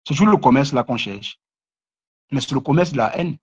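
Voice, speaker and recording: Husky male live streamer, mocking and repetitive, muffled lo-fi sound. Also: medium pitch, lively intonation, brisk, darkish tone. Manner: mocking, repetitive, stammering restarts. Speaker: live streamer commenting on other creators. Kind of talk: casual live-stream rant.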